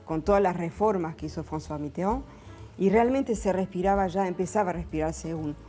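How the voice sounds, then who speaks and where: A woman's voice: on the low side, brisk, dark tone, faint music behind. A woman, raised in France, reflecting thoughtfully as an interview guest. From born in Argentina, raised in France. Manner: reflective, with frequent hesitations. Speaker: businesswoman and guest. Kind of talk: interview answers, reminiscing.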